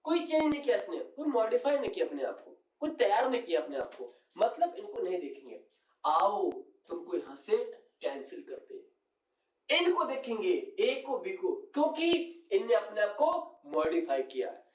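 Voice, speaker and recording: A man's voice: sits high, sing-song, moderate pace. A male chemistry teacher giving a classroom lecture, calling his students "beta" and checking often that they follow. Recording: roomy, distant, dull lo-fi sound.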